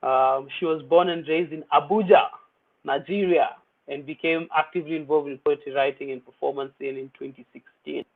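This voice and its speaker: A young man hosts an online poetry open mic, chatty and playful, sprinkling Swahili slang into his English. His voice sits on the high side with a steady tone and normal speed. It's casual livestream hosting, and the audio sounds tinny, like a phone.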